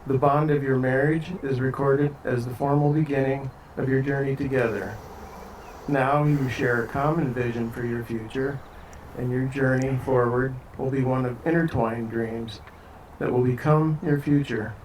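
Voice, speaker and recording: A man leading a wedding ceremony as officiant, speaking in a steady, formal way with light joking asides. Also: mid-range voice, moderate pace. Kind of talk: ceremony address. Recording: distant mic, faint background noise.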